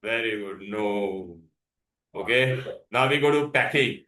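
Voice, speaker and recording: A man's voice: lowish voice, slow, pushed and bright. A man with an Indian accent teaching an interactive science lesson, mixing Hindi words into English and often asking questions to prompt answers. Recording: echoey, roomy sound.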